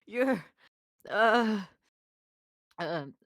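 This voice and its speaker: A woman's voice: mid-range voice, extremely slow, dry recording. A woman playing jittery chatty Donkey. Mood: fumbling. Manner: stammering, rambling, excitable.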